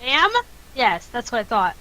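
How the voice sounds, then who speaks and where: Bright, highish-voiced woman playing a game. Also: expressive, a little slow. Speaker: tabletop game player. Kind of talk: casual chat while role-playing.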